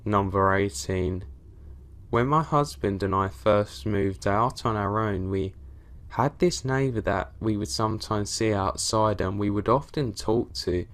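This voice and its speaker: A man reading out scripted horror stories in a steady, even storytelling delivery. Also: lowish voice, measured pace. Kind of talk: scripted narration of reader stories.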